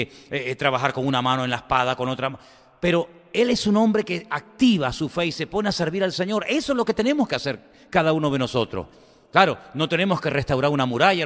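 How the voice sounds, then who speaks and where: A man preaching a sermon in a conversational storytelling manner, swinging between loud emphatic lines and quiet asides. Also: mid-range voice. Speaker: pastor. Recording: long hall reverb.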